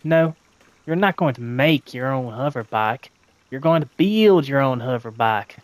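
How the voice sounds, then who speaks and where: A man puts on a serious machinist woman with a throaty Southern drawl, calm and instructive. Her pitch sits in a middling range. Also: unhurried, no echo, natural voice. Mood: patient, instructive. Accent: American Southern.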